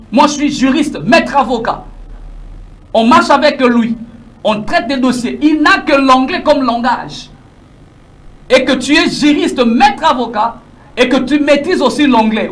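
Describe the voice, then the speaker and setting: A man with a Congolese French accent giving a motivational teaching talk, emphatic and full of rhetorical questions to the viewer, dropping in Lingala phrases. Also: very high voice. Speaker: English-learning coach.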